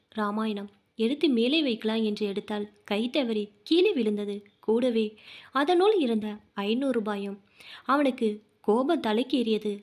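A woman narrating a family drama story in a dramatic, expressive reading. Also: on the high side.

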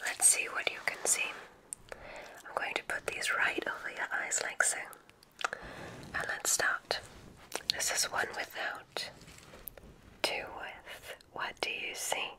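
An ASMR performer whispers as a kind witch examiner, soothing and deliberate, with soft words of approval. The recording quality is low.

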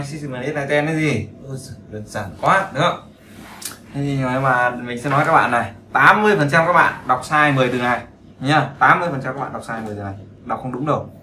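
A man's voice: medium pitch, pushed and bright, a little hiss or hum. Chatty male English teacher, echoey room. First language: Vietnamese. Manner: chatty and teasing, repeats words slowly to drill them. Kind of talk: casual spoken lesson.

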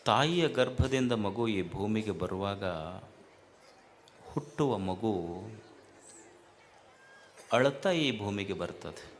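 Man with a North Karnataka Kannada accent, unhurried, repetitive, rhetorical, faint noise behind. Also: lowish voice, animated. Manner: repetitive, rhetorical questions, rising emphasis; hushes the crowd firmly and jokingly. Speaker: speaker addressing a festival gathering. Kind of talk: spiritual public talk.

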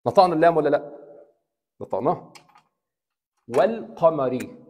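A man with an Egyptian Arabic accent, an imam giving a classroom lecture in Arabic and English, explaining slowly, repeating examples and asking his students questions. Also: on the high side, lively intonation, darkish tone, long reverb tail. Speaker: imam teaching Quran recitation. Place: mosque hall.

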